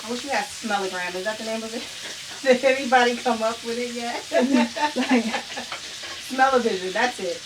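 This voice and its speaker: A woman's voice: on the high side, moderate pace, noisy background. Chatty woman cooking over a sizzling pan. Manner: chatty and upbeat, often laughing. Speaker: cooking show host. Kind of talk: live cooking demonstration. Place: home kitchen. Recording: distant mic with loud sizzling pan.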